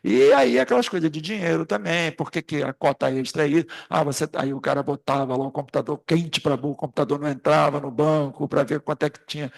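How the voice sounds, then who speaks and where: A man's voice: on the high side, fast, gravelly, hardly any pauses. A man leading an informal spiritist study class, rambling through anecdotes and speaking straight to the group. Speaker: class facilitator.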